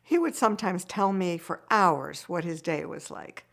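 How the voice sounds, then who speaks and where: A woman's voice: fairly low pitch, lively intonation, normal speed, creaky, a bit bright. A woman recounting what someone told her, in a matter-of-fact documentary interview.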